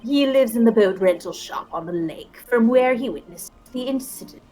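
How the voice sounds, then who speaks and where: A woman voicing a stern male prosecutor with formal, measured delivery in a video game. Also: on the high side, animated, warm tone. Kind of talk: game dialogue voice-over.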